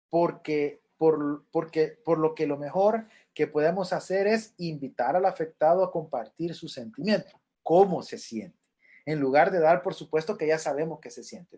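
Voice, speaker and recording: A man's voice: a little high, a little mellow. A middle-aged man, a pastoral counselor, lecturing a class on grief in an earnest way, repeating key points and acting out what people say.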